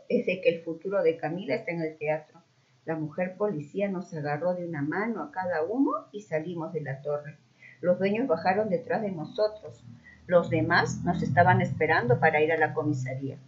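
A woman narrating a children's mystery story aloud, expressive and acting out the dialogue. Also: lowish voice, fairly quick. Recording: dull muffled recording.

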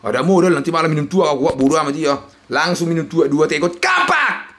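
A young man, giving loud, excited commentary on a slot game as he plays, swinging between yells and mutters. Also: on the high side, fairly quick. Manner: loud, shouting and exclaiming, jumpy swings between yelling and muttering.

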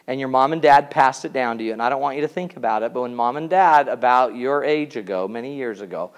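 A man's voice: mid-range voice, fast. Jokey man teaching a class. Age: 40s. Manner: jokey, theatrical, asks the audience questions. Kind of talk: comedic lecture to a class.

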